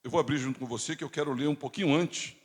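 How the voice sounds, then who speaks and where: A Brazilian man with a Rio de Janeiro accent preaching a sermon, swinging between loud and hushed emphasis. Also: a little high, racing. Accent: Rio de Janeiro Portuguese. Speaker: pastor. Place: church. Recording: hall reverb.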